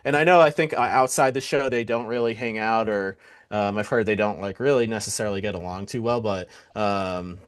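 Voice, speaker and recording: A man's voice: on the low side, brisk, clear, resonant tone. A man co-hosting a casual sports podcast, talking loosely with many filler words. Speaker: podcast co-host.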